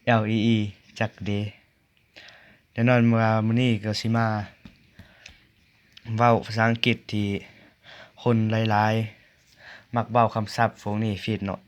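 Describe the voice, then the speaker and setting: A young man with a Lao accent giving a casual video lesson on English pronunciation, repeating each word slowly to show how it is said. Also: fairly low pitch, completely flat delivery, clear, resonant tone. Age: young adult.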